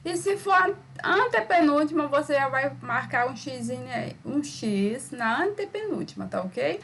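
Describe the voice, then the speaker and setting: A Brazilian woman teaching a recorded school lesson, patient and repetitive, sounding words out slowly and checking in with "tá ok?" after each step. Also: high voice, big pitch swings, a bit bright, a little hiss or hum. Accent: Brazilian Portuguese.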